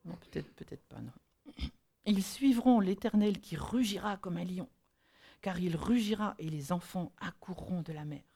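A woman preaching a sermon and reading Bible verses, earnest, with halting restarts as she thinks aloud and emphatic rhetorical questions. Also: fairly low pitch, vocal fry, dark tone, slightly rough.

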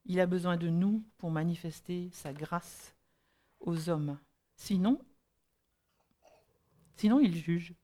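A woman preaching a sermon and reading Bible verses, earnest, with halting restarts as she thinks aloud and emphatic rhetorical questions. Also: fairly low pitch, mellow.

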